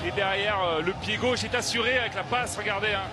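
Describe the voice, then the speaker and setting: A man giving excited sports commentary on replays, hesitating, repeating words and urging viewers to look. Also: high-pitched, brisk, music in the background, a crowd in the background. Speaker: football co-commentator analysing replays. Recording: noisy stadium broadcast.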